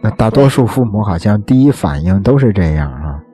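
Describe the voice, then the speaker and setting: A male host keeps a caller's story going with short replies and probing follow-up questions. His voice is deep and mellow. Faint music plays beneath the talk. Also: sing-song, a little fast, husky. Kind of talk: call-in interview.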